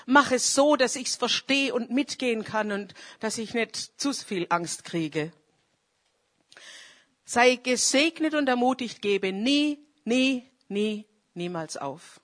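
A woman's voice: fairly high pitch, animated, slow pace. Fervent woman preaching. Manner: fervent, swings between loud calls and quiet confession; prays aloud mid-sermon. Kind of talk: charismatic sermon.

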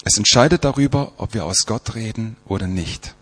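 A man preaching a sermon, emphatic, asking rhetorical questions and slowing down to stress quoted scripture. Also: fairly low pitch, fairly bright tone, breathy edge.

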